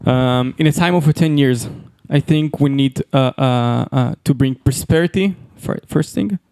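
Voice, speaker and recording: A man's voice: mid-range voice, a little slow, vocal fry, warm tone, smooth, no echo, studio quality. A man from Israel with an Israeli accent, giving conversational political answers as a panel guest.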